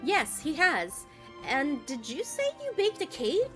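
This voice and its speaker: A woman voicing an eager, hungry young fox companion who talks in a slow, drawn-out way. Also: high-pitched, sing-song, sharp tone, faint music behind, voice pushed up, full character voice.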